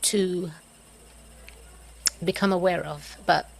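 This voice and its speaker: A middle-aged woman talks through a personal reflection very slowly, with long pauses between short phrases. Her voice sits a little low and has a gravelly, creaky edge. She sighs and laughs softly as she searches for words. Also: steady tone, low-quality recording. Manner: halting, pausing, with soft laughs and sighs. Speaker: host of a reflective video series.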